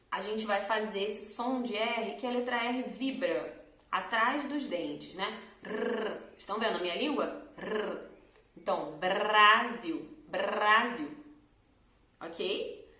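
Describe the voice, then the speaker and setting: A woman teacher from Brazil with a Carioca accent, explaining pronunciation slowly and clearly and drawing out example words. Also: mid-range voice, fairly bright tone. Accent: Carioca Brazilian Portuguese. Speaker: Portuguese teacher. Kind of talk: pronunciation lesson to camera. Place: room at home, in front of a door. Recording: echoey room.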